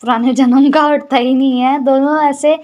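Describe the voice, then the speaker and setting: A woman's voice: sits high, flat delivery, normal speed, a little mellow, slight background noise. A teenage girl narrating a casual home vlog, chatty and complaining about her sisters. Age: teens. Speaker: vlogger.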